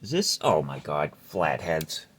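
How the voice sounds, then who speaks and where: Low-voiced man explaining amp repair. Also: sing-song, slow pace, a bit bright, husky. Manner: laid-back, explaining step by step with mild cursing. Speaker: amplifier repair host. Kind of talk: casual repair tutorial.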